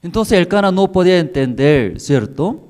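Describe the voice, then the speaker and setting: A man's voice: high voice, expressive, moderate pace, darkish tone. A male pastor preaching a sermon in simple, broken phrasing, often checking in with the congregation through short rhetorical questions.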